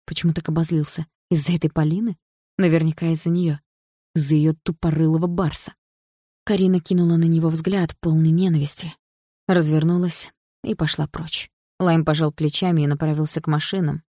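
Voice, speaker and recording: An audiobook is read by a low-pitched woman whose storytelling stays steady and measured, captured in a dry, studio-quality recording.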